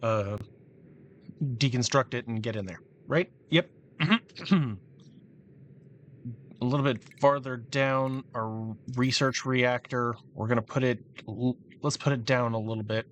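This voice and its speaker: Man, mid-pitched, casual game commentary, thinking aloud, restarts often, faint hiss behind. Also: a little slow, a bit bright. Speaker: gameplay commentator.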